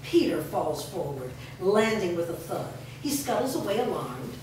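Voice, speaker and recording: With a fairly low, slightly mellow voice and big swings in pitch, a woman reads stage directions at a moderate pace as narrator of a staged reading. The distant microphone in the echoey room yields a noisy, strongly reverberant recording.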